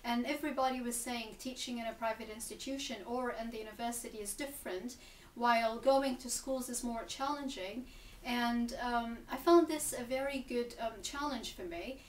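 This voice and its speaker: A woman's voice: on the high side, fairly even intonation, normal speed, a little hiss or hum. A woman, answering interview questions thoughtfully, with frequent ums and restarts. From Gaza Strip, Palestine. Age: 20s. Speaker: interviewee, English teacher and graduate student. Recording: echoey room, mic at a distance, faint ambience.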